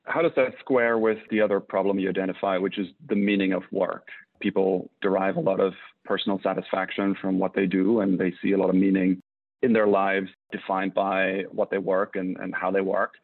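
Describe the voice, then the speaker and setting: A man's voice: low-pitched, level tone, fairly quick, no echo. A man interviewing a guest, asking probing questions in a conversational way. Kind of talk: radio interview. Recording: dry, phone-like, narrow band.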